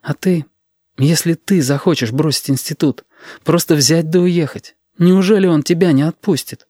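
A man reading an audiobook, voicing an anxious young female student in a pleading, hushed way. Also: a little high, normal speed, dry recording, studio quality, pitched above the performer's own voice, lightly acted.

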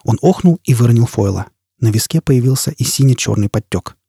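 A man narrating an audiobook in a dramatic, steady way. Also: medium pitch, brisk, gravelly, breathy edge, dry recording, studio quality.

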